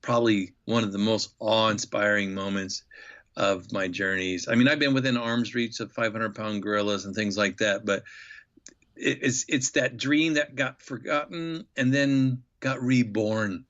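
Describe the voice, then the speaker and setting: A man in his fifties from Nebraska, a podcast guest telling a travel story with animated enthusiasm. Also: lowish voice, unhurried, lo-fi sound. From Nebraska, USA. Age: 50s. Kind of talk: storytelling interview.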